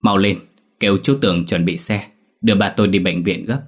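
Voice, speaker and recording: A man's voice: low voice, steady tone, brisk. A man voicing a grown son who begs and wails in despair in a spoken ghost story. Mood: urgent. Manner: pleading, wailing. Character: grown son, distraught, begging his father.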